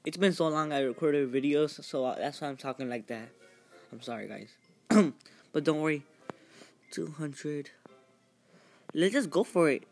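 Rambling male gamer over game music. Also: a little high. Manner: rambling, halting, with many fillers and restarts; cheers loudly at the game. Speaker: gaming channel host. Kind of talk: casual gameplay commentary.

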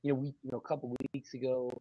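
A man's voice: mid-range voice, little pitch movement, rapid-fire, dry recording, lo-fi sound. A man co-hosting a casual beer show, rambling with lots of fillers and restarts. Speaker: podcast co-host. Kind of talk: casual chat.

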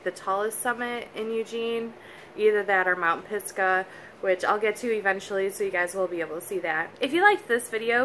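A woman's voice: medium pitch, bright, forceful tone, slight background noise. Chatty young woman vlogging to her phone. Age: young adult. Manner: chatty, friendly, loose with fillers. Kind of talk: casual vlog talk to camera. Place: outdoors on a windy summit, then indoors. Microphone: phone held at arm's length.

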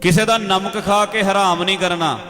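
A calm, wise male spiritual teacher, as a male preacher puts him on, who lists his terms firmly and patiently. The voice is high. There is faint music and a long hall reverb. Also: normal speed.

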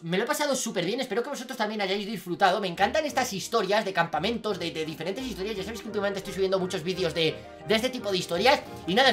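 A young Spanish-accented gamer from Spain, high-pitched and excitable, provides let's-play commentary for YouTube. He regularly breaks into shouting.

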